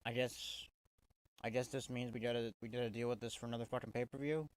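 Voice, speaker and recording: A man's voice: medium pitch, flat delivery, fast, dry recording. A man giving a casual, swear-heavy wrestling review, exasperated and full of restarts. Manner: profane, exasperated, stumbling restarts.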